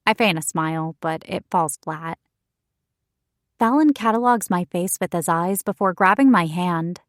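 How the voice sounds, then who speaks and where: A woman's voice: lowish voice, unhurried, dry recording, studio quality. Woman narrating a wry first-person romance audiobook.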